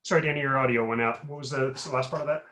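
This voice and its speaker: A professor explaining on an echoey call. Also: male voice, mid-range voice, fairly even intonation, racing, bright, forceful tone. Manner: rambling, explanatory, frequent fillers and restarts. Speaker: guest speaker, professor. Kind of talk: explanatory talk on a webinar. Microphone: video call.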